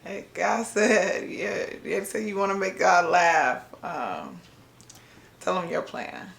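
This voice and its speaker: A woman from Ohio sharing a reflective faith talk on her vlog, speaking slowly and haltingly with many pauses and fillers, emotional and near tears. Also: lowish voice, animated, vocal fry, fairly bright tone, roomy sound. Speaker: vlogger.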